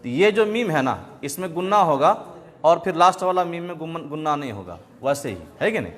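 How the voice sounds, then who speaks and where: A man's voice: on the high side, very animated, brisk, in a large hall. A man teaching Quran reading, patiently explaining letters, checking understanding again and again, and drawing out letters in chanted recitation.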